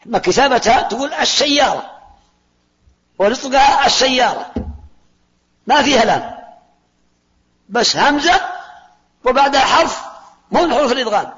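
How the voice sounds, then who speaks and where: Male grammar teacher, very high voice, questioning and repetitive, dull hall recording. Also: expressive, normal speed, pauses often, fairly bright tone. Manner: questioning, repeats key terms, drills students with "ha?". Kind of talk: Arabic grammar lesson to students.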